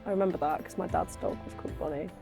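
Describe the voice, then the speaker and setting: Gravelly low young woman. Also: fairly even intonation, racing, mellow, soft background music. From Eastbourne, England. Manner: candid, joking. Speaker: interviewee. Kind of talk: documentary interview.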